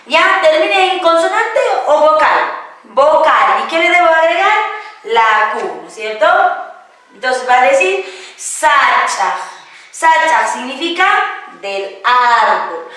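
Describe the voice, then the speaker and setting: A woman teaches a grammar lesson in a slow, high, bright voice, asking questions and answering them herself. She stands far from the microphone in a strongly echoing room. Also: very animated. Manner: patient, asks and answers her own questions, tag questions. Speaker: Quechua language teacher.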